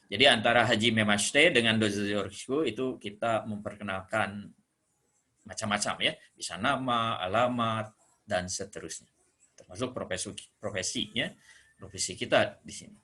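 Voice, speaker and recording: A man from Indonesia teaching Japanese greetings, patiently explaining and slowly repeating each phrase. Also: fairly low pitch, sharp tone. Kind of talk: classroom explanation.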